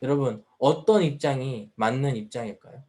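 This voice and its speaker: A man's voice: mid-range voice, normal speed, mellow. A man preaching a sermon at a youth service as the pastor, earnest and full of rhetorical questions. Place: church.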